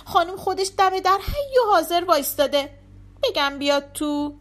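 A woman narrator voicing a simple-minded male servant, flustered and talking loudly in a raised voice. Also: animated. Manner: flustered, loud and high.

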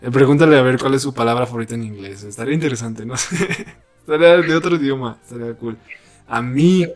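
A man's voice: medium pitch, quick pace. Casual Mexican male host, easygoing and joking, with faint music under him. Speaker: podcast host. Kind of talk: casual chat.

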